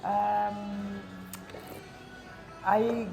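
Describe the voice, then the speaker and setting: A woman, born in Congo, speaking calmly and reflectively as an interview guest in a coffee shop. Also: medium pitch, very slow, vocal fry, muffled recording, soft background music. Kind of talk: casual interview.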